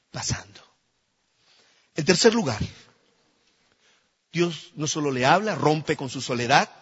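Male pastor, high lively voice with a husky edge, preaching in a reverberant church; dull recording. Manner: animated storytelling, rising to shouts at the climax. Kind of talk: sermon. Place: church hall.

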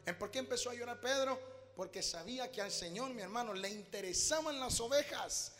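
A man preaching a sermon as pastor in a church, animated, acting out little dialogues with God. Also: very high-pitched, a little fast, in a large hall, soft background music.

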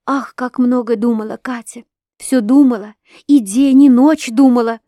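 A woman's voice: a little high, drawn-out words, no echo, clean studio sound, full character voice. A woman voicing a timid orphan girl, half-whispered. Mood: tearful. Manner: soft, breathy, half-whispered. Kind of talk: audiobook reading.

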